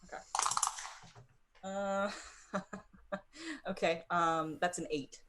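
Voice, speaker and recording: A woman's voice: on the low side, steady tone, drawn-out words, a bit bright, slight background noise. A woman playing a tabletop game, talking casually, partly in character. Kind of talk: casual in-character role-play.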